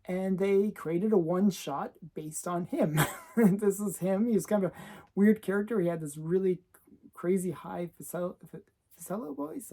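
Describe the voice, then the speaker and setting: Mellow-voiced woman chatting about her comics. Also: lowish voice. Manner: chatty, laughs often between remarks. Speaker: comic collector showing her collection. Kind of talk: casual show-and-tell chat.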